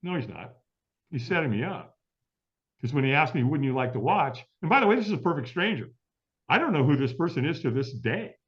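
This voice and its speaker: A middle-aged man is a guest on an interview show, telling a story with lots of energy and playing out what people said to him. His voice sits a little high and swings up and down a lot. The recording sounds dull and lo-fi. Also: big pitch swings, a little fast. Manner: vivid, acts out quoted dialogue, laughs often. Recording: dull lo-fi audio.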